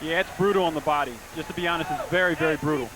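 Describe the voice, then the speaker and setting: A man's voice: fairly high pitch, racing, noisy background. A man giving live sports analysis as a color commentator.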